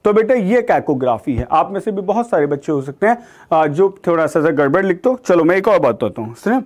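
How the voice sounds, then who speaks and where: A young adult Indian man with an Indian accent who teaches exam vocabulary online and talks to students in a friendly, coaching way, reading English definitions slowly and carefully. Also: fairly high pitch, big pitch swings, a little mellow.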